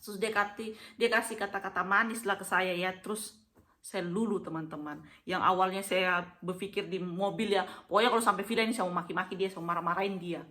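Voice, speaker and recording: A woman's voice: mid-range voice, steady tone, fairly quick, sharp tone. A young adult woman vlogger, casually telling a personal story to her viewers and acting out the dialogue as she goes. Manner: chatty, addresses viewers often, acts out dialogue.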